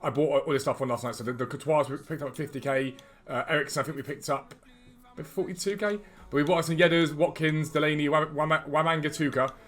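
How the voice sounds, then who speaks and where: A man presents a gaming video in a casual, informal way, speaking directly to his viewers. His pace is very quick and his pitch sits a little high. His R's come out as W's. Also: fairly even intonation, a bit bright. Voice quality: cannot pronounce R's properly, says w for r. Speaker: gaming YouTuber and host.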